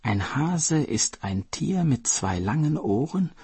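A calm, mysterious spirit healer who lays out each word slowly, voiced by a man. The voice is husky and breathy, close and dry. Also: fairly high pitch, no echo, pitched above the performer's own voice, heavily acted. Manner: slow and measured.

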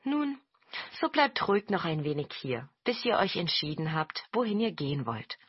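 A woman voicing a kind, caring young wife who gives gentle advice. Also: on the low side, big pitch swings, moderate pace, slightly rough, dry recording, lo-fi sound. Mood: friendly.

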